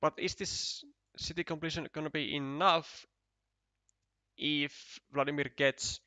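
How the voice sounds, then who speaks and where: Unhurried man commentating a board game. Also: on the high side, fairly even intonation, pushed and bright, dry recording. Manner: thinking aloud, counting tiles, many restarts. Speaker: esports commentator.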